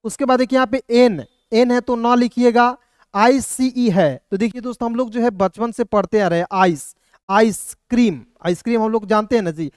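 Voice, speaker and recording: Guy teaching a video lesson, keeps asking quick questions and answering them himself, smooth clear voice, dry sound. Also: extremely high pitch, a little mellow, no room sound. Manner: patient, repetitive step-by-step explaining. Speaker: English teacher.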